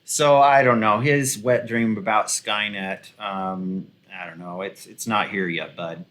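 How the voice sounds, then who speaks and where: A man's voice: fairly low pitch, fairly even intonation, unhurried, fairly bright tone. A man giving casual, rambling commentary full of ums and restarts, with a sarcastic, mocking edge. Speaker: video commentator.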